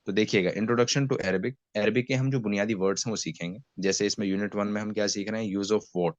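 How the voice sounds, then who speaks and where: A man teaching beginners Arabic in an online class, speaking with an Indian accent and patiently having students repeat words after him while fasting with a headache. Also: fairly low pitch, fairly even intonation, no room sound. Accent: Indian Hindi-Urdu. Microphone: video call. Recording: dull lo-fi video call audio.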